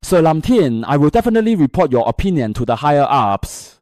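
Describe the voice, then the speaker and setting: A nervous female secretary placates a superior in a jittery way, read by a male narrator in his own voice. Her lines rise and fall in pitch and sound close and dry. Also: very animated, fairly quick, a little mellow, dry recording.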